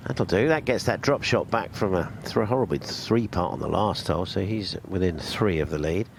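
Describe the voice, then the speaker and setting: A man commentates on live golf in a fairly low voice. He talks conversationally, as a golf commentator does, over clearly audible outdoor background noise. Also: normal speed. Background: outdoor ambience.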